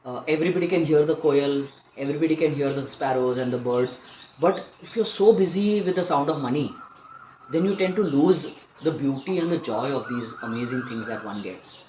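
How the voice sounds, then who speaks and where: In a roomy, muffled recording with faint background noise, a man in his fifties with an Indian accent talks in a mellow, mid-range voice at a slightly quick pace. He is a wildlife biologist and conservationist appearing as an interview guest, explaining things conversationally in articulate, educated English.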